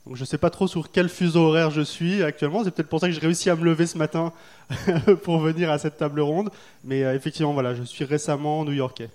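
A man's voice: fairly high pitch, steady tone, fast talker, darkish tone. A man from France, an author being interviewed, speaking thoughtfully with frequent hesitations. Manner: thoughtful, hesitant with many fillers. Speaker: author guest. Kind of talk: festival interview.

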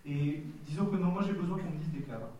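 A man in his forties from Nice, a guest author answering questions in a candid, halting way at a public event. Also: a little high, animated, mellow. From Nice, France. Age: 40s. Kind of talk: casual public Q&A. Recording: echoey hall from far off.

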